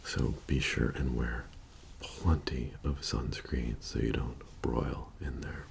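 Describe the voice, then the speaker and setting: A man in a whispered role-play as a methodical bank heist planner, speaking in a soft, whispery, halting and matter-of-fact murmur. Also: a bass voice, steady tone, gravelly, a little hiss or hum, full character voice. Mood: calm, methodical. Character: methodical male bank heist crew planner briefing his team.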